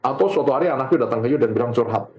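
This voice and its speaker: A middle-aged man giving a faith testimony in casual conversation, earnest and animated, laughing as he tells stories and switching often between two languages. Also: medium pitch, very fast, a little hiss or hum.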